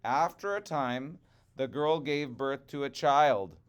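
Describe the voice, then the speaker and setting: A man reading a picture book aloud to children as a storyteller, deliberate and expressive with dramatic emphasis. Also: medium pitch, smooth.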